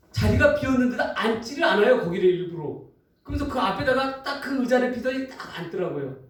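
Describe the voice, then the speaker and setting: A man preaching a sermon as pastor, telling a story in an animated, emphatic way, in a church. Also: high voice. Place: church sanctuary. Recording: echoey hall, distant mic.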